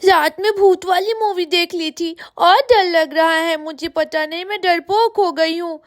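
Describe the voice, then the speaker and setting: A woman's voice: very high voice, a little slow. A woman voicing a small, timid little girl doll in a cartoon story, whining and talking to herself out of fear of ghosts. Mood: fretful. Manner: whiny, frightened self-talk.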